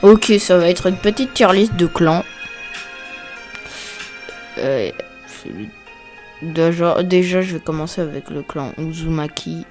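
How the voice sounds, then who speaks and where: A woman talks slowly through an offhand ranking, her voice sitting a little low. She jokes and mutters little asides in a loose, unscripted way, and faint music plays underneath. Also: lively intonation, a little mellow. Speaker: video creator ranking characters. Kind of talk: casual off-the-cuff commentary.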